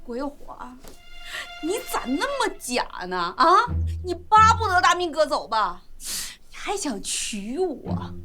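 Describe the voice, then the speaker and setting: An actress playing a blunt, sharp-tongued young farm girl in a TV drama who scolds openly. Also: sits high, big pitch swings, takes it slowly, music in the background, full character voice. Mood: scornful.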